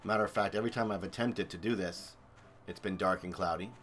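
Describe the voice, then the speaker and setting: A man's voice: deep voice, steady tone, fast, a bit bright, faint music behind. A man streaming and commentating a video game comparison in a chatty, enthusiastic way. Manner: chatty, enthusiastic, thinks aloud. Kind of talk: casual gameplay commentary.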